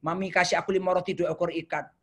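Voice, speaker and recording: A man's voice: high-pitched, flat delivery, very fast, fairly bright tone. A man voicing an eager little boy in a sermon story, who keeps calling to his mother as he retells what happened. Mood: excited. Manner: eager, breathless retelling, repeats "Mami". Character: excited little boy telling his mother about a miracle.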